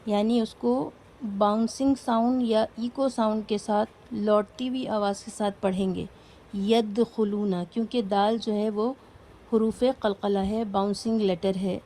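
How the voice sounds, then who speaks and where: A woman teaches a recitation class with a patient, step-by-step manner. Her voice is warm and mellow, at an ordinary middle pitch. Now and then she stops to ask her students questions. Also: steady tone. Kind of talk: explaining lesson to a class.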